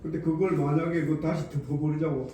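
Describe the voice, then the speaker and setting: Very mellow-voiced man questioning, heavy echo. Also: fairly high pitch, flat delivery, brisk. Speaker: audience questioner. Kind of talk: challenging question at a lecture. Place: large echoey room at a public lecture. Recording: very echoey hall, distant mic, faint noise.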